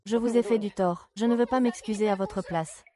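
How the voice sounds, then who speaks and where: A woman's voice: medium pitch, brisk, close to an everyday voice. A woman dubbing dialogue for a family drama with an emotional delivery. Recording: loud crowd noise behind.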